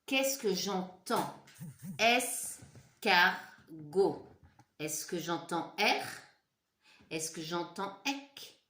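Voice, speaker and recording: A woman's voice: on the low side, lively intonation, takes it slowly, fairly bright tone, echoey room, slight background noise. A woman teacher leading a phonics lesson for young children, spelling out letters one by one and praising the pupils. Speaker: primary school teacher.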